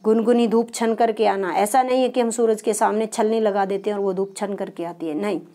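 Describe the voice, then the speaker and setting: A woman's voice: medium pitch, fairly even intonation, fairly quick, warm tone. A woman teaching a primary school lesson, patient and explanatory, asking questions and answering them herself. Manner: patient, asks and answers her own questions.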